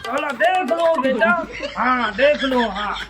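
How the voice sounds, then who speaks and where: A man's voice: very high voice, animated, slow pace, a crowd in the background, heavily acted. A man playing a belligerent, boastful village customer in a comedy skit, with a Chhattisgarhi accent and a repetitive, blustering way of talking. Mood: indignant, threatening. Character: belligerent male village customer demanding credit, boastful nephew.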